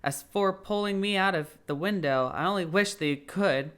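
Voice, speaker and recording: A man's voice: sits high, moderate pace, fairly bright tone, clean tone, voice pushed up. A man voicing Alice, a curious little storybook girl who talks to herself in a chatty, indignant, musing way. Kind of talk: audiobook storybook character.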